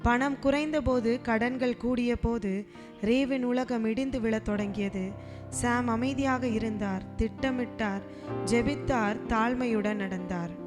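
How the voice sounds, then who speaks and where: Solemn woman narrator over music. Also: a little high. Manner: measured, solemn. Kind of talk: scripted narration. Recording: clear background music.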